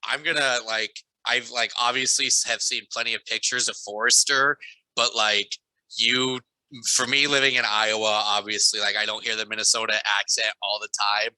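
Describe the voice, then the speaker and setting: A man joining a casual podcast chat over a video call, joking and halting. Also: on the low side, level tone, sharp tone, no room sound, poor audio.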